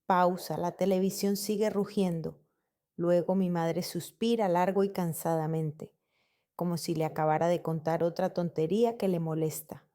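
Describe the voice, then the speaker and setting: A woman reading a first-person family story as narrator, in a calm, measured storytelling manner. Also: lowish voice.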